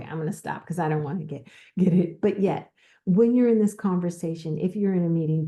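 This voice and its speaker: Slow-speaking woman with a dark voice. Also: fairly low pitch. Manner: slow, repetitive, with pauses and restarts. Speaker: podcast host. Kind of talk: casual advice talk.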